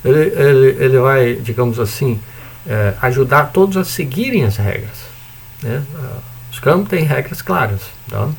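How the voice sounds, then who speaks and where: Over slight background noise, a Brazilian university lecturer speaks in a gravelly, medium-pitched voice, animated yet unhurried. The recorded lecture is loose and chatty, peppered with tag questions, playful asides, and a mild swear word here and there.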